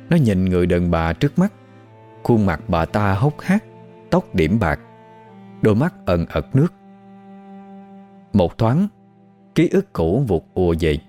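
A man narrating a ghost story in an expressive storytelling manner. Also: sits low. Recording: faint background music.

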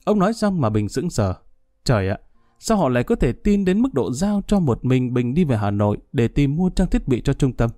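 A man narrating a story in a calm, steady storytelling voice, speeding up a little in the dialogue. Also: mid-range voice, normal speed, no echo, studio quality. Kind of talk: audiobook narration.

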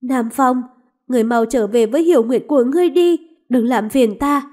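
Woman reads a young princess, proud, impassioned, high-pitched. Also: moderate pace, mellow, close to an everyday voice. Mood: defiant. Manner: impassioned, pleading.

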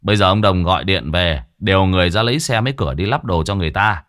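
A level-headed young man speaks in a low, measured tone, steady and matter-of-fact, as a storyteller puts him on. The sound is dry and close, with no room echo. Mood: calm.

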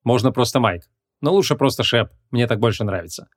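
A man's voice: mid-range voice, lively intonation, a little fast, no room sound, clean studio sound, natural voice. Male reader as a young rookie policeman, shy, modest, hesitant.

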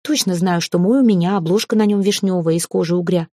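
A woman narrating a first-person audiobook in a lively storytelling manner. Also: on the low side, quick pace, no echo, studio quality.

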